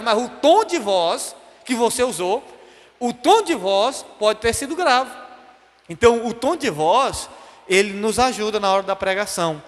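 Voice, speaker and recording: A man, a bishop, teaches a preaching class with a notably high voice. He talks in an animated way, keeps firing questions at his listeners and acts out other people's voices. His voice rings with the long reverb of a church hall.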